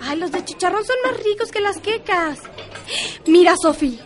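A chatty, high-voiced teenage schoolgirl in an educational radio drama. She gossips with a lot of sighs and exclamations. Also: animated, normal speed. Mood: gossipy. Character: teenage girl Fer, shy about her crush.

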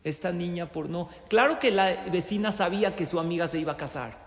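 Guy teaching a torah class to a room full of people, kinda high voice, lots of echo. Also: expressive, a little fast, gravelly. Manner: asks the audience rhetorical questions. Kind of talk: religious class lecture. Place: hall with live listeners. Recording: roomy hall with long reverb.

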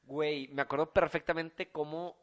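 A man's voice: on the high side, steady tone, moderate pace. A young man with a Mexican accent telling a story in casual chat, slangy and profane, with a filler word in nearly every phrase. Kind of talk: casual storytelling among friends.

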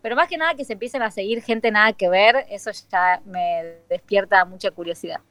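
A young woman from Tucumán with a Tucumán accent, a guest telling stories in a lively, informal chat. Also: mid-range voice, a little fast, dry recording. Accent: Tucumán Argentine Spanish. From Tucumán, Argentina. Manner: chatty storyteller, lively and informal. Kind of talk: casual chat.

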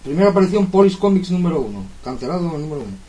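A man co-hosting a podcast, joking quickly through comic entries in casual banter. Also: fairly high pitch, big pitch swings, mellow, a little hiss or hum, rough recording. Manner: rapid, jokey reading of comic entries. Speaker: podcast co-host.

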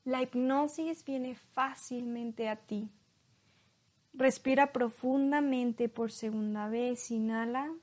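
Slow hypnotist woman, very unhurried, even tone. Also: on the high side. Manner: slow, soothing hypnotist delivery with long pauses. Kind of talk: slow guided hypnosis induction.

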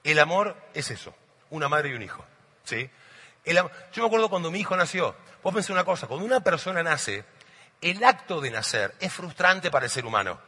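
A middle-aged man from Argentina with an Argentine Spanish accent, a motivational speaker and coach telling animated stories to an audience and often asking "¿sí?". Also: on the high side, a little fast, slightly rough. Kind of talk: storytelling talk to a live audience. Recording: long hall reverb.

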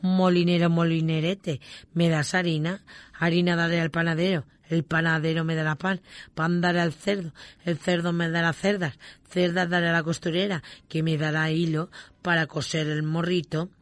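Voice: medium pitch, little pitch movement, normal speed, no echo, lightly acted. A storyteller voicing a devoted little lame male kitten who asks for help in fond, rhymed pleas. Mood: pleading. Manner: fond, pleading rhymed requests.

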